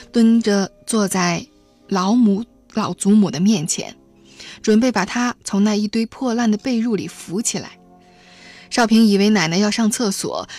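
A woman narrating a novel aloud in a steady storytelling manner. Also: medium pitch. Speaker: audiobook reader.

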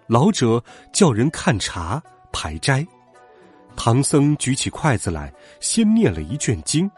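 Slow, lively male storyteller. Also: mid-range voice, breathy edge, soft background music. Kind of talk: children's storybook narration.

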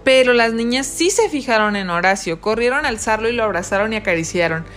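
A woman with a fairly high-pitched voice reads a children's story aloud slowly and expressively, warmly asking the young listeners questions about it. Soft music plays in the background.

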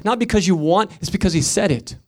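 Guy preaching hard, loud bursts then quiet storytelling, kinda high voice. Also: quick pace. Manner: impassioned preaching, swinging from loud emphatic peaks to quiet storytelling; repetitive, rhythmic emphasis. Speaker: pastor. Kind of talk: sermon.

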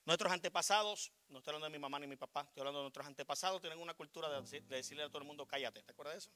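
A middle-aged man with a Puerto Rican accent preaching a sermon, shifting from loud declarations to quiet asides. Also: fairly high pitch, racing, smooth. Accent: Puerto Rican Spanish. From Puerto Rico. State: short of breath. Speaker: pastor.

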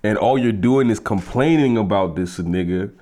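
A man co-hosting a podcast, telling stories in a relaxed, casual chat with plenty of swearing. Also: fairly low pitch, moderate pace. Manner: laid-back, storytelling, swears freely. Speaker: podcast co-host.

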